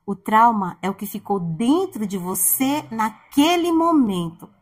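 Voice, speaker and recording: Husky-voiced woman preaching. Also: on the high side, big pitch swings, a little slow. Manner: heartfelt, conversational, speaks softly at tender moments. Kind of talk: sermon. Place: church.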